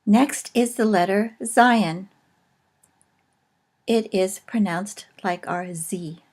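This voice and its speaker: A woman teaching in a recorded video lesson, explaining slowly and carefully with pauses. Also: medium pitch, darkish tone.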